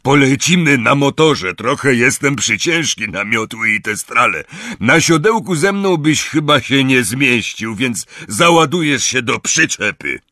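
A man voicing a huge, kind half-giant who talks in a homely, slightly worried, raised and loud voice. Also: medium pitch, expressive, a little slow, no echo, clean studio sound, voice pushed up. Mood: worried, kindly.

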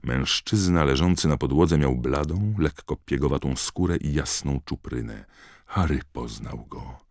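A man narrating a fantasy audiobook in a steady storytelling reading. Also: extremely low pitch, measured pace, no echo.

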